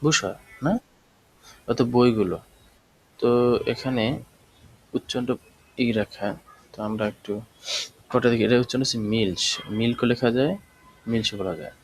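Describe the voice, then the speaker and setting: A man's voice: medium pitch, steady tone, moderate pace, long pauses, a little mellow, low-quality recording. A man teaching a language class, explaining step by step and answering his own questions. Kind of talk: spoken language lesson.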